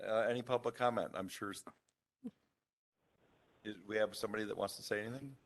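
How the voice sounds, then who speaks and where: A man's voice: on the low side, fairly even intonation, brisk. A man chairing a town board meeting as mayor pro tem, casual and hesitant, with many uhs.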